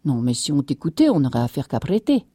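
A woman reader voicing a quick-tempered peasant farmwife who scolds loudly in rough country speech. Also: sits low, big pitch swings, no echo, clean studio sound, full character voice. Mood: scolding. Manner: loud rustic scolding.

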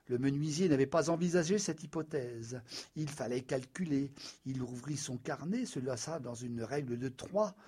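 A man narrating an audiobook in a measured, wry storytelling manner. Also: fairly high pitch, darkish tone, slightly rough.

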